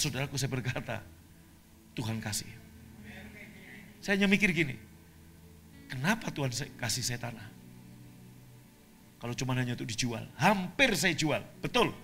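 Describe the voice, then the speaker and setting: A male pastor from Indonesia preaching a sermon, swinging from quiet asides to shouted declarations. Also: medium pitch, vocal fry.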